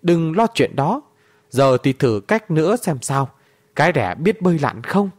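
Male narrator as tough old woman fighter, gruff and commanding, lively swings in pitch. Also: a little slow, no echo. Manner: gruff, bossy, barking orders. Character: fierce old woman warrior, bitter and commanding.

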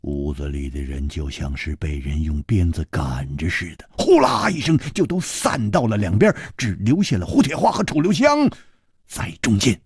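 A man with a Beijing accent telling a martial-arts tale in traditional spoken storytelling style, swinging between hushed and heightened delivery. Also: deep voice, big pitch swings, normal speed, husky, dry recording, studio quality.

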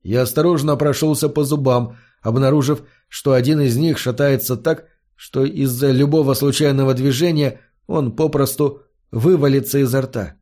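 A man reading an audiobook aloud as a steady first-person narrator. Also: mid-range voice, normal speed, few pauses.

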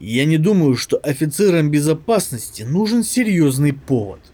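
A gruff soldier who growls warnings and trusts no one, as a male narrator voices him. The lines come lively and a touch higher than a plain speaking voice. An audiobook reading. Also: normal speed. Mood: wary.

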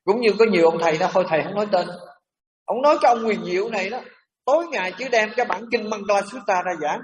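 A man preaching as a Buddhist monk, emphatic and animated, dropping in English and French terms. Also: sits high, quick pace, far from the mic. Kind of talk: sermon to a congregation.

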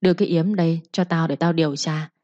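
A woman's voice: on the low side, animated, a little fast, mellow, dry recording, muffled recording. A woman voicing a harsh young mistress who scolds and threatens her servant with contempt. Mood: furious.

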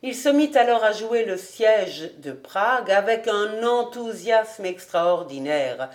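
A woman narrates a classic novel for an audiobook at an unhurried pace. Her voice is calm and even, with a mid-pitched, steady delivery. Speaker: audiobook reader.

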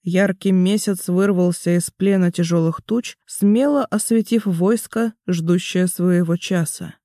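A man reading a fantasy audiobook aloud in a measured, even storytelling manner. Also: sits high, no room sound, studio quality. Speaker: audiobook narrator. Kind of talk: scripted fantasy narration.

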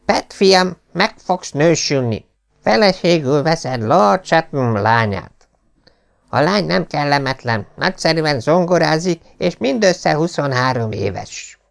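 Man voicing an old aristocratic father: stern, commanding, raised and gravelly, storybook reading. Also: on the high side, animated, pitched above the performer's own voice. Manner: scolding, commanding.

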